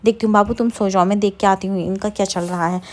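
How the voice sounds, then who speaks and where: A woman voicing a sly, defensive young wife in a fast serial recap. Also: mid-range voice, steady tone, close to an everyday voice. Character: sly young wife guarding her room.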